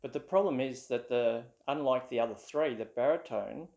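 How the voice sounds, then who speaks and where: A man's voice: medium pitch, normal speed, gravelly, a little mellow. An Australian man telling a casual, rambling story to camera, with plenty of ums and uhs. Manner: rambling, with many fillers. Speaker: ukulele vlogger.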